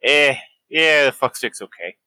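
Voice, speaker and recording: Crude, blunt fantasy bodyguard, played by a man, sharp forceful voice, swears freely, close and dry. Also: medium pitch, lively intonation, a little slow, no room sound. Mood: casual, grudging. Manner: foul-mouthed, slangy, blunt.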